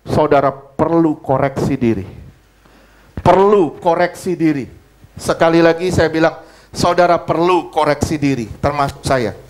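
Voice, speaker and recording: High-voiced male pastor preaching emphatically. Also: rough recording. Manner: emphatic preaching with heavy repetition of phrases; conversational, personal testimony told to the congregation. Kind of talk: sermon.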